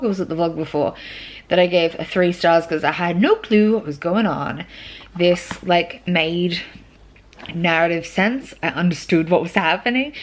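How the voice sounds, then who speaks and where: Chatty woman vlogging from bed. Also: low-quality recording. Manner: chatty and rambling, with frequent "um"s and sudden lively pitch jumps. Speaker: book vlogger. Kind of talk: casual reading update vlog. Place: at home, in bed.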